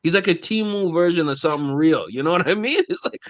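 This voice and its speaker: A man's voice: fairly high pitch, lively intonation, quick pace, dry recording. Chatty laughing man, dry sound. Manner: laughs often, says "you know what I mean" a lot. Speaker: podcast co-host. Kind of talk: casual sports chat.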